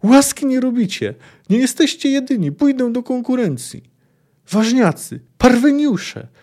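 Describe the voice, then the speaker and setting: Shrill bald young man hurling insults, as a man reads him. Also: very animated, unhurried, heavily acted. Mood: indignant. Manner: shouting abuse from a distance.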